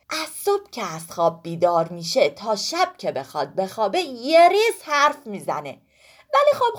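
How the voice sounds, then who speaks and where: Chatty, dramatic pomegranate girl voiced by a woman, high and lively, talks nonstop. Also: husky, exaggerated voice. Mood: boastful chatter. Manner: talkative, exclaiming, whiny.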